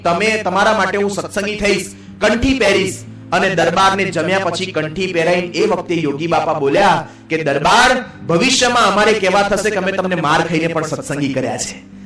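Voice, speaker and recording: A man, a monk, telling a story in a sermon, quickly and briefly voicing the characters in lower tones. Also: a bit bright. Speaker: monk preacher. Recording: echoey hall, distant mic.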